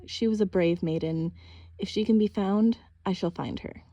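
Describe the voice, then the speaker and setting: A woman reading an audiobook, voicing a calm, commanding young goddess huntress who speaks in a formal, measured way. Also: mid-range voice, no echo, muffled recording, natural voice. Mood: gentle grave.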